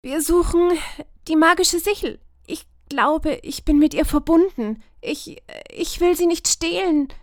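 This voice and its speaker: A woman voicing an eager, slightly clumsy young witch who speaks brightly and sometimes stammers. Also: extremely high pitch, a little slow, no echo, clean studio sound, voice pushed up. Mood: earnest.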